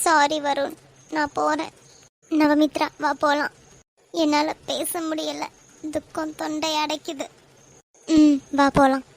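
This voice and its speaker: A woman voicing young women in an animated love drama, speaking with a Kanyakumari Tamil accent in an emotional way. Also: high-pitched, unhurried. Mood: tearful. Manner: emotional, tearful at times. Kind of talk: animated web series voice acting.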